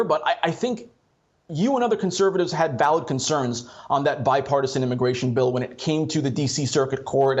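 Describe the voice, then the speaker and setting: A man debating as a political pundit in a measured, conciliatory way, on dull lo-fi audio. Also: on the high side.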